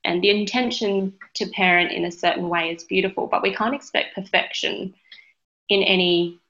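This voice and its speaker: A woman's voice: mid-range voice, fairly even intonation, moderate pace, pushed and bright, highs cut off. An Australian woman speaking as an interview guest, reflective and feeling her way through her phrases in a conversational style. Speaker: interview guest, parenting advocate.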